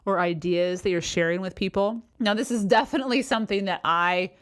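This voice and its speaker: Earnest woman hosting a solo podcast. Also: mid-range voice. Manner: earnest, explanatory, repeats key phrases for emphasis; speaks quickly when excited. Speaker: podcast host. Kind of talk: solo podcast advice talk.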